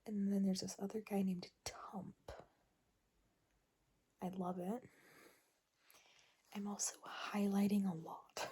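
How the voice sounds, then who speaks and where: A young woman vlogging from bed at midnight, talking in a hushed, chatty whisper full of fillers. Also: medium pitch, a little hiss or hum. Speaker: book vlogger. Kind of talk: late-night casual vlog. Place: in bed at night.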